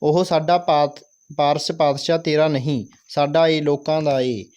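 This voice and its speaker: A man's voice: fairly high pitch, steady tone, a little slow, darkish tone, clean tone, close to an everyday voice. A man reading as an eager old village woman. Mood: pleading.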